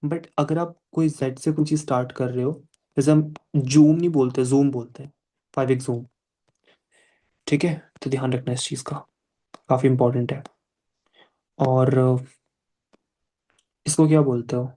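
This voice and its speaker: Man teaching pronunciation, low-key. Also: fairly even intonation, dark tone. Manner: patient, repeats words slowly to demonstrate sounds. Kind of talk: live online class, mixing Hindi and English.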